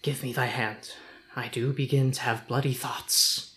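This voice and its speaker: A woman playing a drunken, boastful rogue who grumbles with swinging pitch. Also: steady tone, a little slow, fairly bright tone, slightly rough, heavily acted. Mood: menacing.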